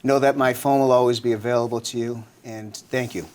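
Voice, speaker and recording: A man's voice: mid-range voice, fairly even intonation, fairly quick, a little mellow. Male local politician as interview guest, mid-range voice, informal, conversational, leaning on filler phrases. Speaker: city councilor running for state representative, interview guest.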